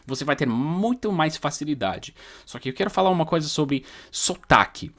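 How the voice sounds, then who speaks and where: Slightly high and a bit bright, this man's voice is animated and moves at normal speed. Hailing from New York, United States, he speaks native English with an American New York accent while informally teaching viewers pronunciation, repeating and stressing words to explain.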